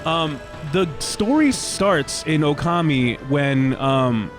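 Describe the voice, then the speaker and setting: A man's voice: on the high side, lively intonation, takes it slowly, music in the background. Joking slangy gaming guy. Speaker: co-host of a gaming podcast. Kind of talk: casual gameplay commentary.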